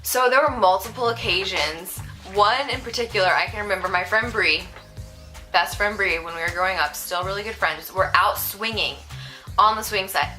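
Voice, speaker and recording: A young woman from Ohio chatting casually as a guest, bubbly and quick in her storytelling. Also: medium pitch, sharp tone, faint music behind. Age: young adult. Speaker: guest, the host's sister. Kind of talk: casual chat.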